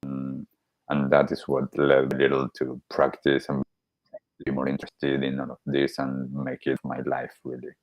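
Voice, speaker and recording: A man in his thirties, born in Argentina, talking casually as a podcast guest, halting with many restarts. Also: very deep voice, completely flat delivery, dry recording, highs cut off. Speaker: podcast guest, wellbeing coach. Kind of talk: casual interview talk.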